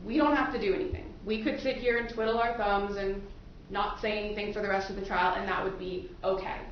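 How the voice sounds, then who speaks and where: A woman with a steady, mid-range voice and a slightly fast pace works as a defense attorney, questioning potential jurors in a courtroom. She speaks into a microphone in an informal, explanatory way, and the sound is muffled, noisy and echoey.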